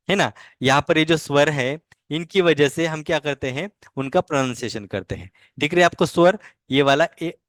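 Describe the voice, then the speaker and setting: Slow, patient man teaching syllables. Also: on the high side, no room sound, studio quality. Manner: slow, patient drilling with repeated questions. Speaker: language teacher. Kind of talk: online language lesson.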